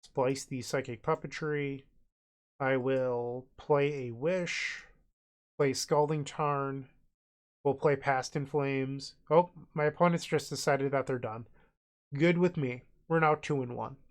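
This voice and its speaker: Speaking slowly at medium pitch with fairly even intonation, a man with a cold sounds nasal and blocked up. He's casually calling out his online card game play by play, reasoning as he goes.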